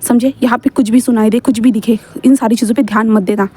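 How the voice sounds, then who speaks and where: A woman's voice: on the high side, fairly even intonation, quick pace, warm tone, breathy edge. A woman voicing a cold, stern male teacher who is secretly a mafia boss, speaking in curt commands.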